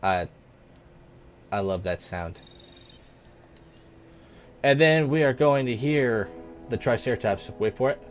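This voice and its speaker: A young man giving casual, rambling let's-play commentary, full of fillers and self-corrections, with excited bursts when something in the game surprises him. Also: medium pitch, slow pace, pauses often, faint music behind. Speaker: gaming YouTuber.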